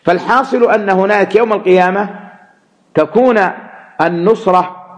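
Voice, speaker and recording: A man teaching Quran commentary, measured and repeating words to stress them. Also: high-pitched. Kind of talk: religious lesson explaining verses.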